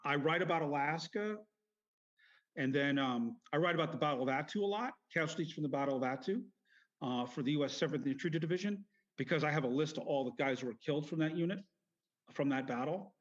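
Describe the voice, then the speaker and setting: A middle-aged man with a somewhat high-set voice is being interviewed as a veteran. He rambles through his recollections, pausing and correcting himself as he goes. The sound is muffled and lo-fi. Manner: halting, meandering, self-correcting. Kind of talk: rambling personal storytelling interview. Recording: dull lo-fi audio.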